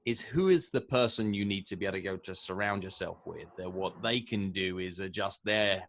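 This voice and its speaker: A man with a fairly low voice hosts an interview over a remote call. He speaks in a measured way and builds long, winding questions. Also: fairly bright tone. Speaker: podcast host. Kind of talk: interview host.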